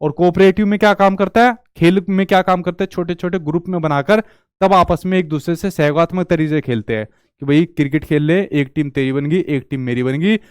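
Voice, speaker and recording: Young male tutor, exam-prep lecture. He repeats his own questions back to the class and fills in the answers. Higher voice. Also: fairly even intonation, a little fast, clean tone, no room sound, studio quality. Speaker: teacher.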